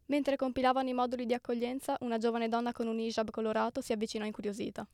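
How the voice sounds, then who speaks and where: A woman narrating a storybook tale in a brisk, even manner. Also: on the high side, no room sound, clean studio sound.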